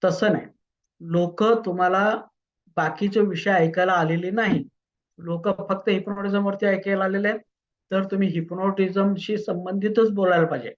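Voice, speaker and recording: A man's voice: high-pitched, steady tone, a little slow, muffled recording. A man teaching public speaking in a lecture, repeating words for emphasis. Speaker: instructor.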